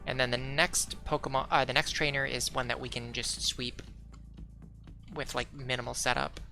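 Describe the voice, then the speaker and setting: A young man's medium-pitched, gravelly, sharp voice moves at a moderate pace with little change in pitch as he casually comments on his game stream. He's hiccuping and rambling, full of "like" fillers, restarts, and self-corrections, over faint background music.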